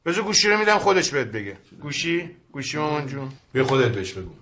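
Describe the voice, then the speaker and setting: A man's voice: a little high, big pitch swings, sharp tone, slight background noise. A man playing a cheeky, scheming younger brother who teases in a sitcom. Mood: cheerful. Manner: teasing, scheming. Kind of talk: sitcom acting.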